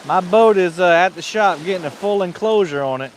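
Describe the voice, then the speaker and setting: Speaking a little fast in a high voice, a man sits on a windy lake bank as a guest on a casual livestream. He chats easily and reads viewer comments aloud.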